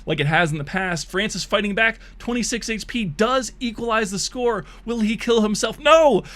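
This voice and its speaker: His voice sits high with a fairly bright tone, and he keeps a normal speed. Streaming bot matches, the man hypes them up with mock esports commentary, laughing and joking crudely even as his voice frays and he starts to lose it.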